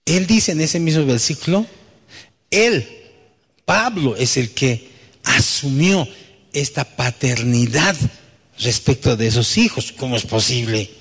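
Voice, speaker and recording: A man's voice: medium pitch, expressive, takes it slowly, pauses often, a bit bright, breathy edge, long reverb tail. A man preaching a sermon as pastor, telling a personal story and asking rhetorical questions with frequent "¿no?" tags.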